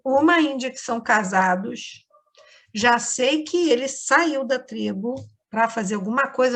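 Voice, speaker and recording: A woman with a high voice and vocal fry teaches a remote class to children. She has a Brazilian Portuguese accent and explains each step patiently.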